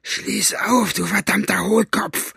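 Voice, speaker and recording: A man's voice: sits high, normal speed, vocal fry, bright, forceful tone, breathy edge, dry recording, studio quality, voice pushed up, exaggerated voice. A man voicing a vicious male henchman behind bars, shrieking insults and threats. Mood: raging.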